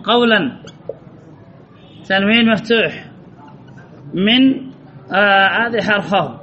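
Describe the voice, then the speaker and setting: A man's voice: very high-pitched, a bit bright. A man teaching a classroom grammar lesson, repeating key phrases and asking and answering his own questions. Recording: dull lo-fi recording.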